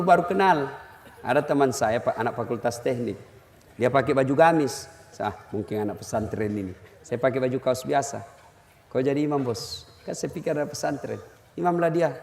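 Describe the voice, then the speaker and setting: A man's voice: mid-range voice, a little hiss or hum. A man from Indonesia giving a comic sermon, telling anecdotes and acting out the people in them. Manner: animated storytelling, acts out the people in his anecdotes. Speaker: preacher. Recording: long hall reverb.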